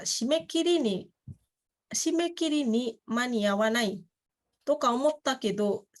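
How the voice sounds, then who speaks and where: A woman with a fairly high voice leads a relaxed Japanese lesson. She talks in a loose, chatty way and laughs often. When she reads example sentences she slows right down. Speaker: Japanese language teacher. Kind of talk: casual online class explanation.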